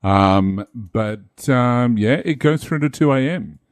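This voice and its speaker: A man co-hosting a podcast, explaining things in a relaxed way with many fillers. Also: mid-range voice, slow pace, no echo. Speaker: podcast co-host, convention marshal. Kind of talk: casual chat.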